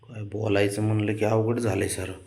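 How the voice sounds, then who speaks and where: A man gently coaxing and apologizing to his sulking cat in soft baby talk. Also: on the low side, little pitch movement, moderate pace. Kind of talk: casual talk to a pet.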